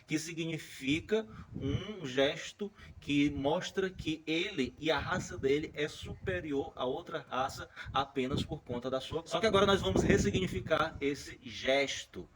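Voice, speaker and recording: Man, Brazilian accent, political commentary host, sarcastic, a bit high-pitched. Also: measured pace, crowd noise, low-quality recording. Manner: sarcastic, mocking. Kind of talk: opinionated commentary.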